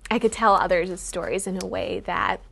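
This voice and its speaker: A woman's voice: lowish voice, normal speed, vocal fry, fairly bright tone. A woman, speaking earnestly and reflectively in a taped interview. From San Francisco, United States. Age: 20s. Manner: earnest and reflective, grows emotional.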